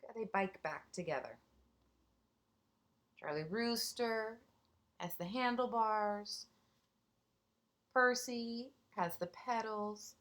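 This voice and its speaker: In a mid-range voice, a woman teacher reads a picture book to young children, gently stopping for chatty remarks and questions directed at the kids.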